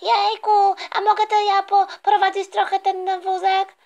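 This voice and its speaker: Casting: woman playing a high, whiny little sister, very high-pitched. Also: little pitch movement, a little slow, darkish tone, muffled recording. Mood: pleading. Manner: whiny, pleading. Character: eager little girl, whiny younger sister. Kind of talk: toy story voice acting.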